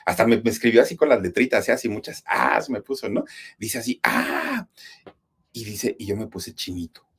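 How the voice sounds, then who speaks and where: A man's voice: on the low side, a little fast, husky. A man with a Mexican accent telling a spooky story, speaking straight to his listeners and building suspense. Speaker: horror storyteller, channel host. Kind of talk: dramatic spoken storytelling.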